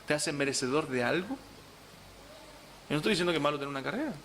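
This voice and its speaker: A pastor preaches with a high, piercing voice. He repeats key words for emphasis and keeps asking his listeners questions. Faint hiss sits behind him. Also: expressive, brisk, a bit bright. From Chile. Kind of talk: sermon.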